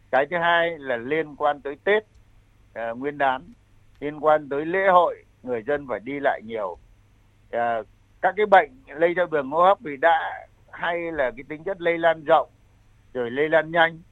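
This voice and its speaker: An older man explains public health advice as an expert guest, in halting, repetitive phrasing. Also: a little high, dry recording. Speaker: medical expert guest, senior health adviser. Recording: thin phone-like line.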